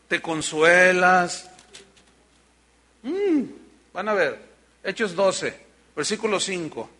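Male preacher, high bright voice, lively storyteller. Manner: animated storytelling, acts out voices. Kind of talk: sermon.

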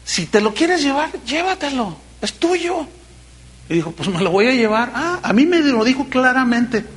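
A middle-aged man, a pastor preaching a sermon in an animated way, acting out quoted voices and dropping suddenly soft. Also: extremely high pitch, normal speed.

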